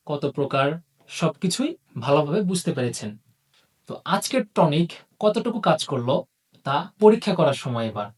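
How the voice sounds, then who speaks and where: An English teacher giving an online video lesson, posing questions to the class and answering them, and drawing out example words slowly. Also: medium pitch, a little mellow, distant mic. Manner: drawls target words slowly.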